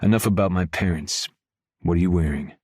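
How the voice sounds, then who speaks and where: A man reading a first-person romance audiobook in a low, intimate, measured way, close to the mic. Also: darkish tone, breathy edge, no room sound. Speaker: audiobook narrator.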